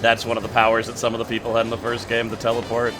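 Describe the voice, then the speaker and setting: A man's voice: mid-range voice, completely flat delivery, very fast, over music. A man musing aloud over gameplay in a chatty, casual way, with laughing asides. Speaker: gameplay host.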